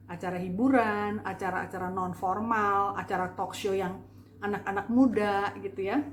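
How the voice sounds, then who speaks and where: A woman teaching public speaking in a friendly, chatty spoken lesson, explaining slowly and deliberately. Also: mid-range voice, reverberant, a little hiss or hum. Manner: slow, deliberate explaining with vocal demonstrations; casual, chatty Indonesian with fillers.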